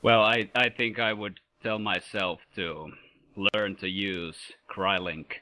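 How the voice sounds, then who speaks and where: Slow deep-voiced man from Sweden. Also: fairly even intonation, pushed and bright. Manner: slow, dry humor. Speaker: interviewee, competitive player. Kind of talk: casual interview.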